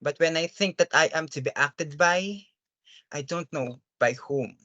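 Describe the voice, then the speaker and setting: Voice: mid-range voice, unhurried, bright, forceful tone, no echo, muffled recording. Actor playing an earnest, deferential, anguished father. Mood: courteous, troubled. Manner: formal, hesitant, pleading. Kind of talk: dramatic stage-play reading.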